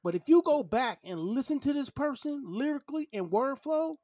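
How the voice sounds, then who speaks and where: A high-voiced man in his thirties holds forth on a casual podcast. He is opinionated and emphatic, circling back over his words to press a point. The sound is close and dry. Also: animated, normal speed, darkish tone, no room sound. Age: 30s. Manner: emphatic, opinionated, repeats himself. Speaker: podcast co-host. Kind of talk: casual opinionated debate chat.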